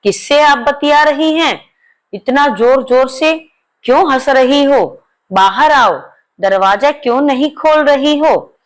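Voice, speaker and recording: A man's voice: extremely high pitch, slow, voice pushed up. A woman voicing an anxious young brother-in-law calling through a locked door in a devotional folk story. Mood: urgent.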